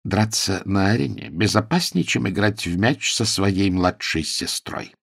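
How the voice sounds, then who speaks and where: A man voicing an excitable middle-aged fight manager who pleads and wails in an overwrought way. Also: lowish voice, measured pace, vocal fry, slightly rough, no room sound, studio quality, exaggerated voice. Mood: pleading.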